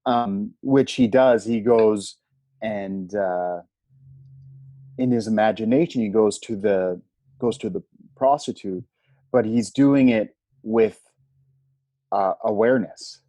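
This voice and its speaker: Mellow low-voiced man, halting and analytical. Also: no room sound. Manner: halting, pausing mid-thought. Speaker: podcast co-host. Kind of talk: casual analytical discussion.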